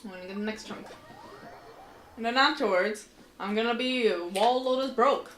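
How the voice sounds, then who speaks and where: This game streamer has a fairly high-pitched voice and a moderate pace, chatting casually to herself as she plays on a livestream and breaking into loud exclamations. Game music fills the echoey room, and a little hiss or hum is audible.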